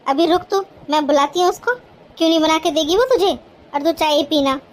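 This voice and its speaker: A woman's voice: high-pitched, brisk, natural voice. A woman voicing a doting mother-in-law in a cartoon who fusses over one daughter-in-law and scolds the other. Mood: stern. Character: doting mother-in-law, quick to take sides. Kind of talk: cartoon voice acting.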